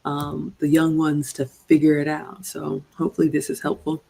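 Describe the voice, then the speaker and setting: A middle-aged woman from Ghana hosts a livestream as a relationship coach, lecturing her female viewers in an earnest, preachy way. Her voice is dark and gravelly, with a fairly flat, even delivery. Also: deep voice, normal speed, rough recording. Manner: earnest, preachy, addresses "ladies" directly. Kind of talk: livestream commentary with viewer shout-outs.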